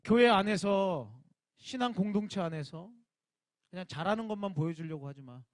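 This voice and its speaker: A man's voice: high voice, normal speed, no room sound. A male youth pastor giving a casual sermon to teenagers, talking informally and directly with emphatic rising bursts.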